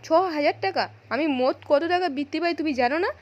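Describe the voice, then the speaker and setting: A woman's voice: high voice, fairly quick, muffled recording, pitched above the performer's own voice, close to an everyday voice. Woman narrating a firm young wife. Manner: firm, insistent.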